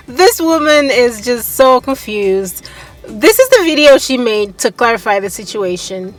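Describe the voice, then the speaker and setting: A woman's voice: fairly high pitch, very animated, slow, faint music behind, poor audio. A woman hosting a commentary video, reacting in a casual, exasperated way. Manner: exasperated, incredulous remarks. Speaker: commentary channel host.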